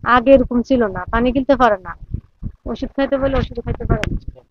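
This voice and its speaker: A patient's relative describing the illness plainly, in a repetitive, halting way. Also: mid-range voice, dull audio, a little hiss or hum.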